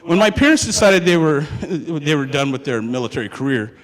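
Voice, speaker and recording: Telling his personal story with humor, this young Hawaiian student chats with the audience, makes jokes, and asks them things. The voice is a little high, very animated, and slightly quick, recorded with long hall reverb.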